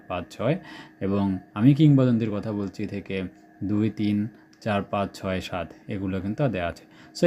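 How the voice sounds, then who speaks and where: Brief: young male Bangladeshi Bengali tutor, low mellow tone, faint hum behind. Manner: reels off numbered question lists, checks in with students often. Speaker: exam-prep teacher. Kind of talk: screen-share exam suggestion walkthrough.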